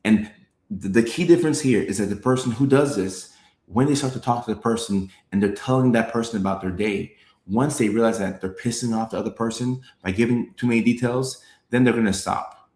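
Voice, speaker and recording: Raised in Norway, the male host talks a little fast in a lowish voice, with reverberation, while explaining things casually and reading chat comments. He acts out quoted voices with animation, repeats phrases and checks in with his audience with "right?"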